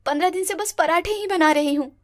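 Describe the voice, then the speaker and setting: A woman's voice: very high-pitched, fairly quick, dry recording, studio quality. A woman voicing a timid young daughter-in-law. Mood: anxious. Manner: stammering, pleading, fretful. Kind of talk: cartoon voice acting.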